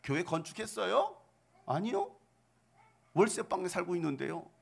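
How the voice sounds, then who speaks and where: A middle-aged male pastor preaching, full of rhetorical questions and sudden shouted outbursts, with a gravelly voice. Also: high-pitched, huge pitch swings, normal speed. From South Korea. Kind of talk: sermon.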